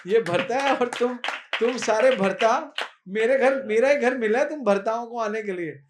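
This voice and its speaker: A man's voice: very high voice, moderate pace, background noise, voice pushed up. A man voicing Yashoda, an exasperated mother who mocks and scolds in a devotional story. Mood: mocking. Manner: mocking, scolding.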